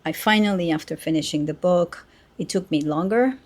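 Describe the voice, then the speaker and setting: A woman's voice: lowish voice, brisk. A woman in her sixties talking through a rambling, self-mocking personal monologue with sarcastic asides. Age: 60s. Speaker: artist and podcaster. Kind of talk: casual reflective monologue.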